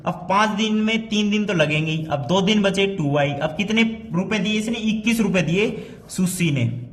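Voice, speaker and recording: A man teaching a math lesson. He mixes Hindi and English and hypes up each solved step. He slows right down when he reads textbook problems aloud. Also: sits high. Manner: energetic, hypes up his solutions. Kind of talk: chalkboard-style math lesson.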